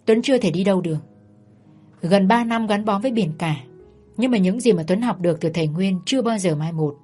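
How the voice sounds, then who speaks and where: A woman narrating a scripted story in a steady, even way. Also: mid-range voice, brisk, faint music behind.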